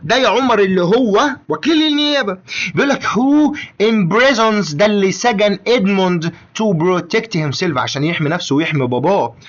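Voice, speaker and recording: A young man with an Egyptian Arabic accent runs an exam-prep lesson at a rapid clip. His voice sits high and he keeps repeating points to the student. The recording sounds a little dull and lo-fi. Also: fairly bright tone. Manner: brisk, repetitive, talks straight to the student. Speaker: teacher.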